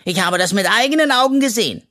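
A reader voicing an excitable, boastful little male raccoon in a children's audiobook, with a hissing, conspiratorial manner. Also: mid-range voice, quick pace, pitched above the performer's own voice. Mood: excited. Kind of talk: children's audiobook role reading.

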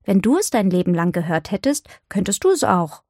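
A woman's voice: medium pitch, very animated, fairly quick, darkish tone, no echo, clean studio sound. A woman voicing a clever, imaginative young girl in a storybook audiobook, speaking eagerly and playfully. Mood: friendly.

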